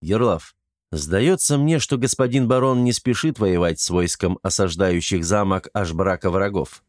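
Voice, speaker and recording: A man's voice: low-pitched, moderate pace, dry recording, clean studio sound, close to an everyday voice. Man doing a brusque, irritable young lord. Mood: commanding. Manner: brusque, exasperated, commanding. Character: irritable young lord commanding his men.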